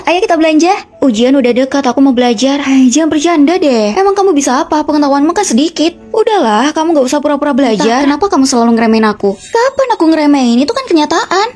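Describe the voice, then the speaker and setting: Young woman, high voice, rapid bickering dialogue, dubs several roommates, faint music behind. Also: a little mellow. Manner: quick bickering dialogue, switching between characters. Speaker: voice actor. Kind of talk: dubbing several dorm roommates in a short drama.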